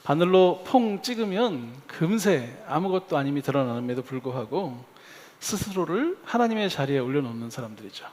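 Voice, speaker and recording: Male pastor, sermon delivery with acted-out anecdotes, higher-pitched voice, echoing sanctuary sound. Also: moderate pace. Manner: storytelling with lively acted-out asides. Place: church sanctuary. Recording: long hall reverb.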